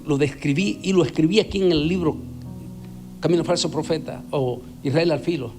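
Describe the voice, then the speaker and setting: Male evangelist, fiery sermon delivery, repeats key words, slightly raised pitch. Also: normal speed, music in the background. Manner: emphatic, repeats words for stress. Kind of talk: preaching sermon.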